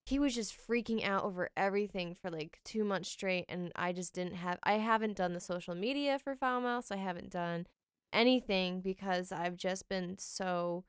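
Woman co-host, casual rambling talker, crisp clean voice, dry close mic. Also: mid-range voice, normal speed, no room sound. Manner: laughing, rambling with many fillers. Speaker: podcast co-host. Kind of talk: casual chat.

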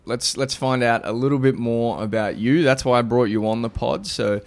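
A man hosting a podcast, asking a guest questions in a halting, friendly way. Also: mid-range voice. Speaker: podcast host. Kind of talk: casual interview chat.

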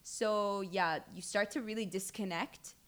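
A young adult woman from Abu Dhabi, a guest entrepreneur telling her story in a chatty, animated way, full of "like"s. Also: mid-range voice, unhurried. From Abu Dhabi, UAE. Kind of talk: casual chat.

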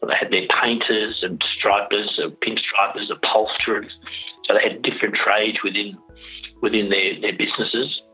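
Australian man, fairly low pitch, halting informal explanation, repeated words, muffled lo-fi interview audio. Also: fairly even intonation, faint music behind. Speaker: interview guest, carriage driver. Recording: dull lo-fi radio-like audio.

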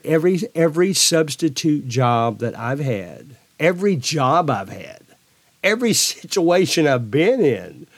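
A man with a slightly high voice and no room sound hosts a solo podcast. He gives earnest advice to substitute teachers, repeats phrases while searching for words, and drops into a dull monotone for emphasis.

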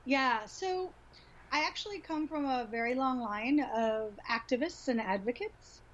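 A middle-aged woman from Honduras speaks as a podcast guest over a video call. Her voice sits a bit high, and the audio is muffled and lo-fi. She talks reflectively with easy restarts and soft laughs. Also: measured pace. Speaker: guest, sexuality educator. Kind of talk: casual interview talk.

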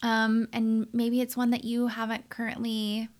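Her voice sits on the high side but comes across monotone and somewhat dark, moving a little slowly. She is a leadership coach in her 30s, giving a candid, conversational solo monologue into a studio mic on the podcast she hosts.

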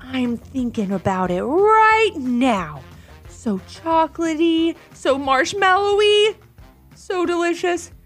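A woman's voice: extremely high pitch, sing-song, takes it slowly, faint music behind, voice pushed up, exaggerated voice. A woman doing a cheerful cake-loving dad. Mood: enthusiastic.

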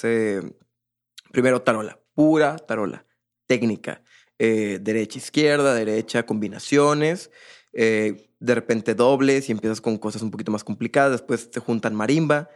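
A man's voice: mid-range voice, a little slow. A young man, a percussionist guest, telling his story in a casual, rambling way with many fillers and restarts.

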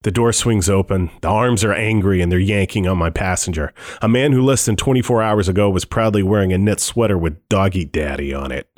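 A man with a fairly low voice narrates a first-person thriller audiobook. His telling is tense and dryly wry, like an anxious inner monologue. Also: brisk, few pauses, a little mellow.

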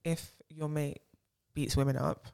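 A man's voice: a little high, level tone, a little slow, vocal fry, darkish tone, clean tone. A man. He talks in a casual, conversational way, as on a podcast with friends.

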